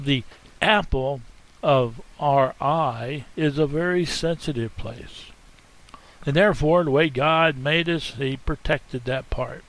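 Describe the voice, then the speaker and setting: A man preaching a sermon as a pastor, speaking earnestly in short, measured phrases. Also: mid-range voice.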